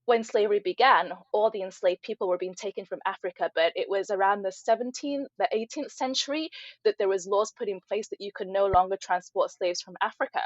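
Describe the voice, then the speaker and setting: A woman's voice: medium pitch, no echo. Earnest Nigerian-born woman, muffled audio. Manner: earnest, explanatory, measured. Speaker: podcast guest. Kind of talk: conversational podcast interview.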